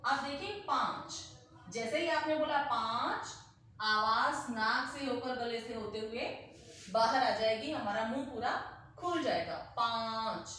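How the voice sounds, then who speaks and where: A woman teacher explaining a grammar lesson slowly, repeating example words aloud to demonstrate. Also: on the high side, sharp tone, a little hiss or hum. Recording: very echoey room, heard from a distance.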